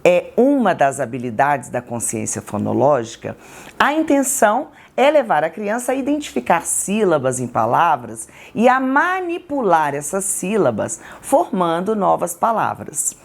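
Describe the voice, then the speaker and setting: A woman with a Brazilian Portuguese accent, a textbook author explaining literacy activities slowly and deliberately. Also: lowish voice, sing-song, gravelly. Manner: slow, deliberate, syllable-by-syllable examples. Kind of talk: educational explainer.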